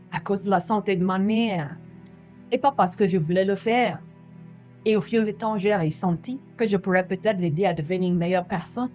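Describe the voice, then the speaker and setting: A woman's voice: mid-range voice, darkish tone, natural voice. Actress as an exasperated young woman in a mid-range voice, faint music underneath. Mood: defensive. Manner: exasperated, complaining. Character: young woman in a pretend marriage, frustrated. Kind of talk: French film dub.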